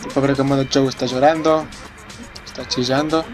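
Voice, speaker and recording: Racing game music and sound effects fill the background as a young man comments live on his play, his voice medium-pitched and at normal speed. He gets excitable, swears constantly and shouts reactions to the race.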